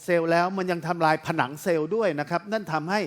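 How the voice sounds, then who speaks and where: A man interpreting a training lecture sentence by sentence, politely adding courtesy particles. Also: a little high. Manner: brisk and polite, with frequent polite sentence-ending particles.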